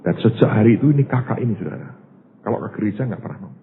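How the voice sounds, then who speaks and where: Lower-voiced man preaching a story sermon, tinny sound. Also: expressive, racing. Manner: storytelling, addresses the congregation as "saudara". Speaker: pastor. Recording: tinny phone-like sermon recording with faint hiss.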